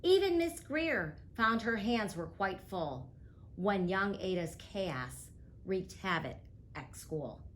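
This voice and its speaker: Slow, expressive woman reading a rhyming book. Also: medium pitch. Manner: rhythmic, expressive rhyming delivery. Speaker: guest reader. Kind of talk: picture book read-aloud.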